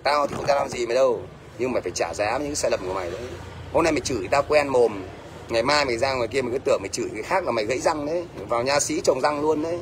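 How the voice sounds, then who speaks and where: A man's voice: mid-range voice, racing. A middle-aged man with a Northern Vietnamese accent, ranting at a commenter on a livestream in a blunt, scolding way and often asking "thấy chưa?". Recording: faint background noise.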